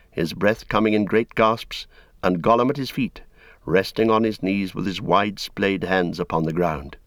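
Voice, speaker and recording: A man reading a fantasy story aloud in a measured, dramatic storytelling manner. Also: low-pitched, fairly bright tone, no room sound, clean studio sound. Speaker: audiobook narrator. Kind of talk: scripted narration.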